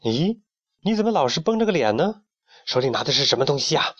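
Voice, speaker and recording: A man voicing a curious, nosy male bird who exclaims with drawn-out wonder. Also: medium pitch, sing-song, lightly acted. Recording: dull lo-fi recording.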